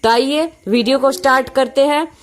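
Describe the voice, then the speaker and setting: A woman teaching English to Hindi speakers, reading English phrases slowly with an Indian accent and explaining each word with repetition. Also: high-pitched, slight background noise. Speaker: English teacher, channel host.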